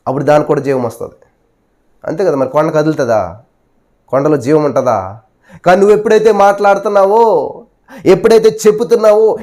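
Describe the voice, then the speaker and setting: High-voiced preacher, hushed hallelujahs. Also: male voice. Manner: rhetorical questions, repeated hallelujahs; dramatic swings between loud and hushed. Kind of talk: sermon.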